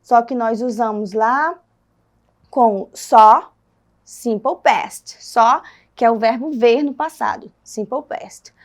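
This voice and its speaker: Brazilian teacher lady, highish voice, slow careful explaining w lots of questions. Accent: Brazilian Portuguese. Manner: explains slowly, asks the class questions. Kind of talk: recorded classroom lesson.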